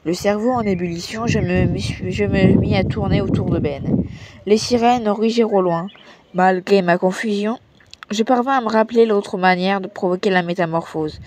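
A woman reading a children's book aloud, sometimes stumbling over words and correcting herself, and raising her voice for shouted lines. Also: mid-range voice, normal speed, a little hiss or hum. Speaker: reader.

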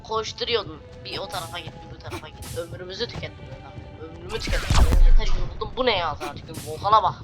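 A woman's voice: fairly low pitch, fast, few pauses. A woman hosting a let's play, grumbling and complaining in a casual, exasperated way while she plays. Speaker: gaming video host. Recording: loud background game music.

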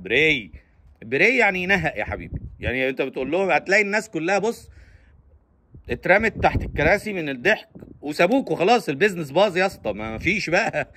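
A man's voice: fairly high pitch, sharp tone, slight background noise. A man with an Egyptian Arabic accent, giving casual advice in a joking, teasing monologue and mimicking silly speakers.

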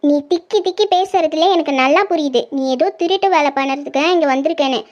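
A woman's voice: sits high, fast talker, natural voice. A woman voicing a stern young woman in a cartoon who scolds a girl for entering her room without asking. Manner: scolding, demanding respect. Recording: slightly dull lo-fi audio.

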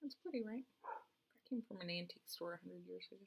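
A woman's voice: fairly low pitch, quick pace, creaky, noisy background. A woman in her forties co-hosting a casual podcast with her son, talking in dry, teasing banter. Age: 40s. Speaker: podcast co-host, mother. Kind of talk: casual chat.

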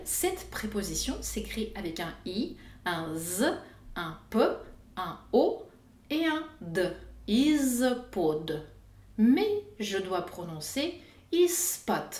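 A woman's voice: medium pitch, darkish tone, echoey room. A woman teaching pronunciation, explaining each rule and carefully sounding out example words. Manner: slow, careful over-articulation of example words. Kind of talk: explanatory lesson.

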